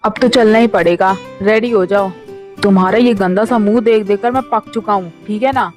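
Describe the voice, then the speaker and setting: A woman's voice: medium pitch, moderate pace, darkish tone, faint music behind, voice pushed down, lightly acted. A woman voicing a teasing young husband who is busy with office work, coaxing his sulking wife in a fan audio drama.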